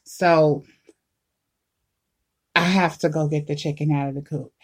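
A woman's voice: low voice, steady tone, measured pace. Woman host, loose storytime monologue, swears freely and laughs through it. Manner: profane, laughing, rambling with many fillers.

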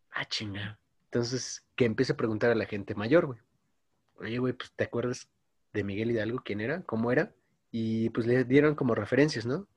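A man's voice: medium pitch, slightly rough, no echo. A man in his twenties with a Mexican Spanish accent, co-hosting a podcast and telling stories in slangy casual chat. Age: 20s. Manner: slangy, says "güey" constantly, storytelling. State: coughing. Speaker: podcast co-host.

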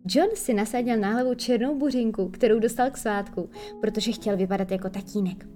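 A woman reads a children's storybook aloud in a lively, expressive voice. Her pitch sits a little high, and faint music plays softly behind her. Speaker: audiobook narrator.

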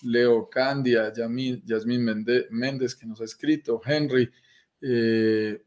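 A man's voice: medium pitch, steady tone, darkish tone. A man co-hosting a live stream, answering viewer questions and reading out names. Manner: explains quickly, reads out viewer names. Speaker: co-host of a real estate investment live stream.

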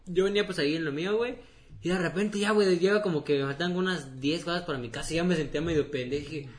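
Fast-talking young Mexican man. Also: a little high. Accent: Mexican Spanish. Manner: slangy, storytelling with acted-out quotes. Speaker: podcast co-host. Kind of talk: casual chat.

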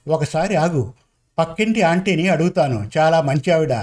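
A brash, impulsive young college guy who blurts out whatever plan comes to mind, read by a man in his own fairly high voice. He talks bluntly and pushes ahead without stopping to think. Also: lively intonation, moderate pace, darkish tone, close to an everyday voice. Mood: scheming.

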